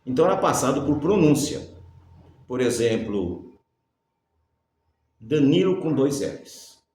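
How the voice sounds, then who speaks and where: A man's voice: mid-range voice, big pitch swings, slow pace, darkish tone. A man teaching a Bible lesson, who asks rhetorical questions and answers them himself, and dictates letters for viewers to write down. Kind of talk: religious teaching lecture. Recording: very echoey room.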